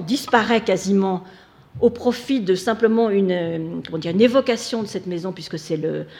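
A woman's voice: medium pitch, darkish tone. A woman giving an academic talk, hesitant, with many fillers and restarts. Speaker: lecturer. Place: lecture hall.

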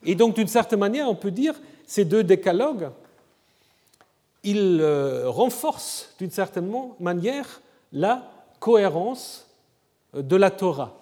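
A man giving an academic lecture in a conversational way, often checking in with his listeners with a quick "hein?". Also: sits high, big pitch swings, dark tone. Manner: conversational, frequent "hein?" tag questions. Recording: reverberant lecture hall.

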